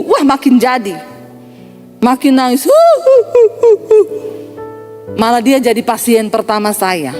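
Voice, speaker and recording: In a fairly high voice, a middle-aged woman pastor with an Indonesian accent delivers a sermon as lively storytelling. She frequently addresses her listeners as "Saudara."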